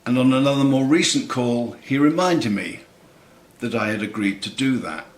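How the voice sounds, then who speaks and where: A man in his seventies giving a scripted eulogy in a measured, wry, tongue-in-cheek way with deliberate pauses. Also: mid-range voice, animated. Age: 70s. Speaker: eulogist, lifelong friend of the deceased. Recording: roomy, echoing sound.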